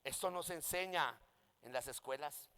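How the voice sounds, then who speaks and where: A man from Colombia preaching a sermon and telling his own story, impassioned and rising to near shouts on key points. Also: a little high, moderate pace, clean tone, long reverb tail. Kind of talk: sermon with personal testimony.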